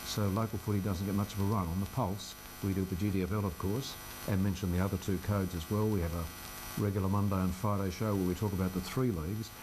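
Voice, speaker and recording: Fast and low-pitched, with fairly even intonation, an older Australian man talks informally in a radio studio interview. He works as a local radio presenter and has a dry, self-deprecating humor; noise runs in the background.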